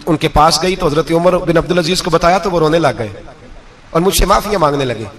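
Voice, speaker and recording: A man's voice: on the high side, a little fast, a bit bright, close to an everyday voice. A preacher voicing a widowed mother of five daughters who pleads and gives thanks. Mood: pleading. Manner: grateful, tearful pleading.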